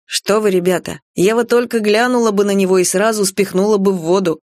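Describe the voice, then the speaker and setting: A woman's voice: medium pitch, fairly even intonation, fairly quick, a little mellow, no echo, close to an everyday voice. A woman voicing a cheerful, joking drifter man.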